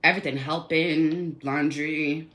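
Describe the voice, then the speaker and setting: A woman's voice: low voice, fairly even intonation, unhurried, a bit bright, a little hiss or hum. A woman telling a personal complaint story in a casual, rambling, indignant way, full of fillers.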